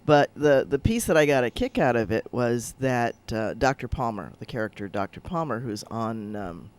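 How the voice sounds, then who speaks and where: Rambling rabbi on a radio show. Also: male voice, mid-range voice, lively intonation, moderate pace, clear, resonant tone. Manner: rambling, hesitant with many fillers. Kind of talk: casual radio chat.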